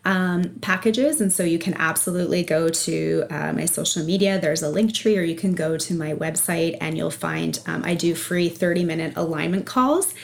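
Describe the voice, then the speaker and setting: A woman with a slightly low voice answers as a guest coach in an interview. She explains things conversationally, checking in for agreement as she goes. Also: moderate pace, gravelly, hardly any pauses, a little hiss or hum. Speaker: energy and life coach, podcast guest.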